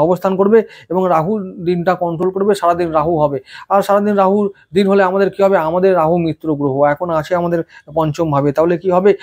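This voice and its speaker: Fast-talking Bengali male astrologer. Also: high voice, a little mellow. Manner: rapid listing with fillers and restarts. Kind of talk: weekly horoscope talk to camera.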